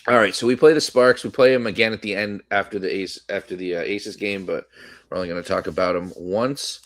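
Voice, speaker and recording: A man co-hosting a sports podcast, rambling in casual chat with lots of restarts and fillers, slightly hoarse from coughing. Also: deep voice, fairly even intonation, brisk, no room sound. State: coughing today. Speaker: podcast co-host.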